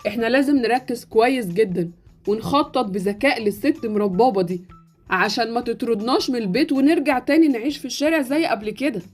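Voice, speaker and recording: Girl doing a bossy egyptian kid brother, mocking, fairly high voice, light music under. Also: quick pace, darkish tone, close to an everyday voice. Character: bossy scheming young brother.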